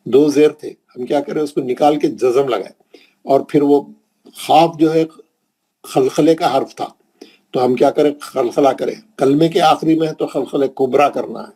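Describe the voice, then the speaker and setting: This man from India speaks with a Hyderabadi Urdu accent while patiently teaching a Quran recitation class, repeating points and checking in with students. His voice is fairly high, dark in tone and slightly rough, and the setting is a classroom lesson.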